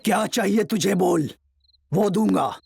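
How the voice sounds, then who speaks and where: A man's voice: measured pace, creaky, darkish tone, full character voice. An actor dubbing a fierce male exorcist in a horror film who threatens a ghost in a commanding voice. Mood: threatening. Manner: threatening, commanding, plots in low muttered asides. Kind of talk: Hindi film dub. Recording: dubbed film audio with music.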